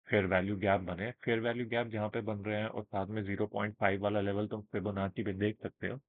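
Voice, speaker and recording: Slow-talking man teaching on a tinny line. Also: fairly low pitch, no room sound. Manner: explains with everyday examples, checks in with listeners; speaks slowly and deliberately. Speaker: trading instructor. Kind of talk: casual screen-share lesson. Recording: narrow phone-like band, dry.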